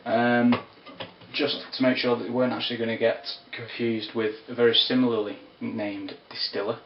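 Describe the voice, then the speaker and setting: A man giving a casual spoken whisky review, unhurried and descriptive with wry asides. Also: mid-range voice, level tone, slight background noise. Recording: roomy, distant, dull lo-fi sound.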